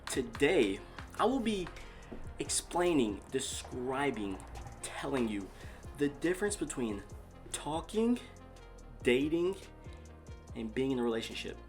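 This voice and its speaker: A man's voice: medium pitch, very animated, slow, pauses often, soft background music. A man playing a boastful self-proclaimed relationship doctor in a comedy sketch, rambling and repeating himself. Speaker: comedic YouTube host in character.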